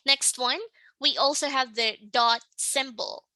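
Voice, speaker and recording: High bright-voiced woman teaching slowly. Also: steady tone, dry recording, low-quality recording. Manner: patient, checks in with "right?" and "okay?". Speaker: English pronunciation teacher. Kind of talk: slow explanatory lesson.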